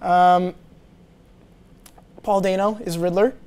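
Recorded on a lapel mic in a small TV studio, a young adult man co-hosting a film review show chats casually, full of fillers and restarts. His high-pitched voice is smooth and darkish, steady in tone, at a slow pace.

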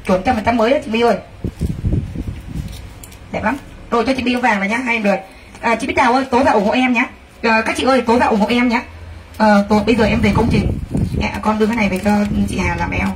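On the high side and far from the mic, a woman's voice runs a live clothing sale full of excitable exclamations addressed straight to viewers. Faint background noise sits under her voice.

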